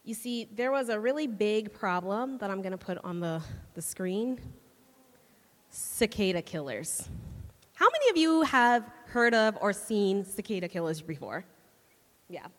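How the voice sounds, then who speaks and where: A woman's voice: medium pitch, expressive, a little slow, fairly bright tone. A woman giving a casual, chatty sermon to a church, laughing often and checking in with the audience with "right?". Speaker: church speaker. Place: church hall. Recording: long hall reverb.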